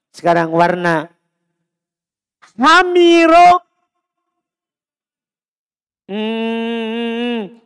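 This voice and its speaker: A man's voice: extremely high pitch, fairly bright tone. A man teaching an Arabic grammar class in a mosque, with an Indonesian accent from Makassar, drilling his students with short repeated prompts to say each form again. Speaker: Islamic teacher. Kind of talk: live Arabic morphology class.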